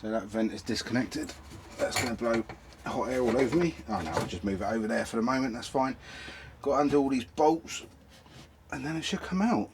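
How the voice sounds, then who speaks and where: Fairly quick and lively in intonation, a medium-pitched middle-aged man from the United Kingdom grumbles to himself as he repairs his motorhome for a casual travel vlog. A camera mic resting nearby captures him, with lots of noise and clicks.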